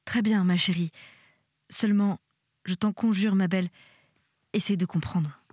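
A woman reading the part of a weary middle-aged husband who lectures his wife in a measured, insistent way. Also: sits high, steady tone, darkish tone, slightly rough, no echo, clean studio sound. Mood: pleading.

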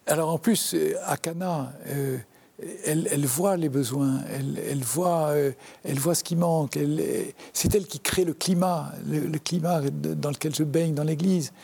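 Male French priest in an interview, earnest and halting, husky low-bright tone. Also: steady tone. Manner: halting, many restarts, earnest. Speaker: parish priest. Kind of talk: interview, devotional reflection.

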